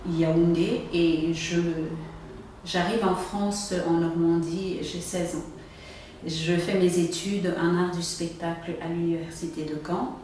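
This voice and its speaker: A woman from Cameroon gives measured, explanatory interview answers about organizing events. She is recorded from a distance in a very echoey room. A faint hiss sits behind her voice. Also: on the low side, a little mellow. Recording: echoey room, far from mic, faint noise.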